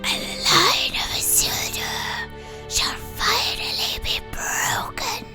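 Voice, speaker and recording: A woman voicing a sinister undead ghost in a breathy whispered ghost voice while reading out a game. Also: very high-pitched, animated, slow pace, music in the background, voice pushed up, full character voice. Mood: menacing. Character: sinister undead oathbreaker ghost, servant of the Dark Lord. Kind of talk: character voice in a game read-aloud.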